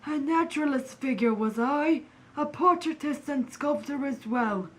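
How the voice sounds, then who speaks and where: A young adult woman reads a first-person artist biography for class. Her voice sits high. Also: measured pace, poor audio. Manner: reads in character as a historical artist. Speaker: student presenter.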